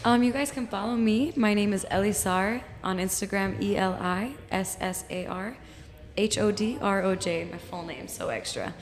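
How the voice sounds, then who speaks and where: A woman's voice: medium pitch, moderate pace. Encouraging female co-host. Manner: warm, encouraging. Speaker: co-interviewer. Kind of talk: casual interview talk. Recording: reverberant hall.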